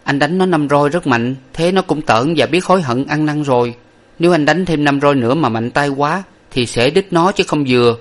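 A man voicing a gentle young woman who softly pleads for mercy. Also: fairly high pitch, normal speed, pitched above the performer's own voice, natural voice. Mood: pleading softly.

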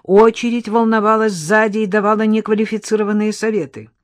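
Female audiobook narrator, wry, even, mid pitch, dry close sound. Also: brisk, dry recording. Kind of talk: scripted narration.

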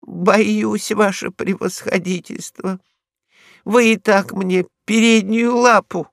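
A trembling little stray dog. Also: male voice, high voice, steady tone, slow, creaky, no echo, clean studio sound, pitched above the performer's own voice, exaggerated voice. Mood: fawning. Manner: timid, servile, trembling. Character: small frightened male stray dog, fawning.

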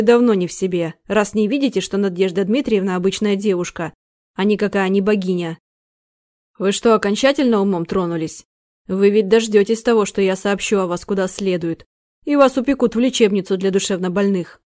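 A woman's voice: mid-range voice, brisk, dark tone, natural voice. A woman reading the part of a stern, commanding male count in an audiobook, speaking with scorn. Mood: angry.

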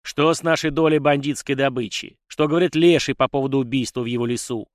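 A man's voice: mid-range voice, quick pace, no room sound, clean studio sound, natural voice. A man voicing a furious old grey-haired clan patriarch who speaks in a commanding, imperious way. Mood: demanding, angry.

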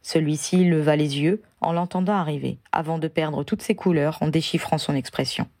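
Female audiobook narrator, measured and even, low pitched, warm dry tone. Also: no room sound. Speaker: audiobook reader. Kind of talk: storybook narration.

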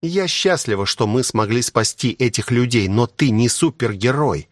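A man's voice: lively intonation, moderate pace, no echo, studio quality, lightly acted. A man voicing a stern female guardian who lectures angrily in an audiobook. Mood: scolding. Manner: low angry lecturing.

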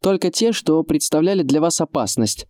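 A man reading an audiobook, voicing a calm young nobleman with a resonant, measured, commanding voice. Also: on the high side, no echo, clean studio sound, voice pushed up, natural voice. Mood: cryptic.

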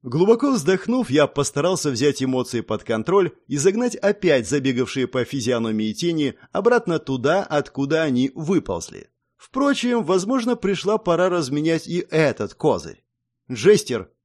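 Wry, lively male audiobook narrator. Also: on the high side, normal speed. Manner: wry, sardonic. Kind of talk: first-person audiobook narration.

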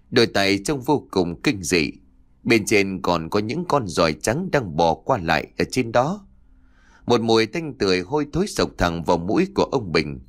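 Low-voiced man narrating a horror story. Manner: expressive storytelling. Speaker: audiobook narrator.

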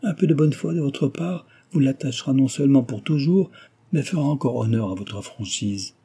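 A man's voice: medium pitch, normal speed, dark tone, husky, voice pushed up. A man voicing a blunt, pushy husband who presses a young woman in a read-aloud novel. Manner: blunt and dismissive.

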